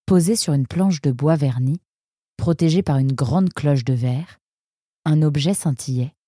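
Male storyteller, measured, steady, husky, mellow, dry close sound. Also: fairly high pitch, no echo. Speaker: narrator. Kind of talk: storybook reading.

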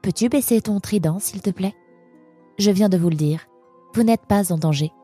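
A woman voicing Sahar, a calm, mysterious she-fox. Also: medium pitch, slightly rough, faint music behind, pitched above the performer's own voice, close to an everyday voice. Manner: even, measured, soft-spoken.

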